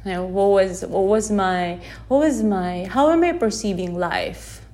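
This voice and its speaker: Recording a reflective, unscripted podcast monologue on a phone in one hand, a woman from the Philippines with Tagalog as her first language speaks gently at a measured pace and medium pitch. She restarts often as she searches for words, and the unedited setting has background sound.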